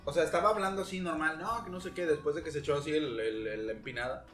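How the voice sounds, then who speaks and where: A man's voice: a little high, quick pace. A young man with a Mexican Spanish accent, co-hosting a casual chat and acting out his stories with lots of laughter. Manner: animated storyteller, acts out quotes, laughs often. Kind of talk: casual chat among friends. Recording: roomy sound with faint guitar music.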